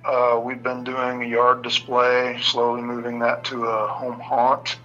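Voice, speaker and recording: Caller: man, casual and bright-toned, on a dull call with light music behind. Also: medium pitch, monotone, unhurried. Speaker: contest-winning caller.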